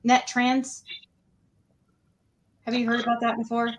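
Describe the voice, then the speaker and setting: A woman's voice: fairly high pitch, monotone, unhurried. A woman hosting a casual livestream panel, asking questions in an informal, rambling way. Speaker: panel host. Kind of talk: casual true crime livestream chat.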